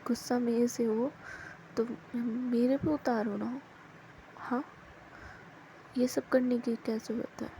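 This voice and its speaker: Storybook read-aloud: a woman plays a withdrawn, heartbroken young woman, quiet and mellow. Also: a little high, fairly even intonation, slow pace, long pauses, a little hiss or hum, low-quality recording. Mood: pleading, hurt. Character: young woman, hurt and withdrawn, pushing her love away.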